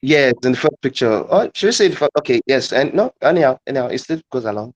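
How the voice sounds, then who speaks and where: A man leading a live online teaching demo, halting and repeating phrases as he dictates wording. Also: medium pitch, expressive, dull audio. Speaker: guest presenter.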